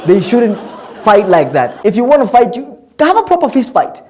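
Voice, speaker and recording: A young Kenyan man hosting a comedy review show, mocking his targets with laughter running through his lines. His voice sits high for a man and swings widely in pitch. A faint crowd and some noise sit behind him. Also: wildly swooping pitch, normal speed, darkish tone. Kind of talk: satirical commentary.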